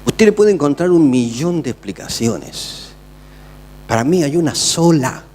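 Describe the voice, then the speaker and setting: A man with an Argentine Spanish accent, a pastor preaching a sermon with dramatic swings between loud calls and quiet asides. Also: medium pitch, in a large hall. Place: large church hall.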